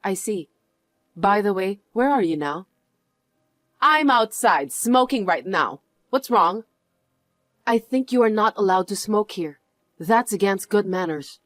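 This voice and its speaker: A woman voicing a patient single mother who speaks in a measured, reasonable way. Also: medium pitch, animated, no echo, natural voice. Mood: polite. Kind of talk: voiced story drama.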